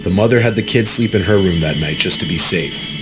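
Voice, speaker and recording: A man narrating a scripted true-story video in a calm, measured way. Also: low voice. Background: music.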